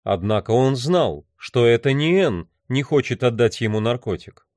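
A man narrating a novel in a measured, even reading. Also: mid-range voice, no echo, studio quality. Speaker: audiobook narrator. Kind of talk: scripted narration.

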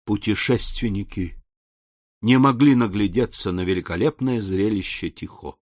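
A man reading a novel as an audiobook in steady, deliberate scripted narration. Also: fairly low pitch, no room sound, studio quality.

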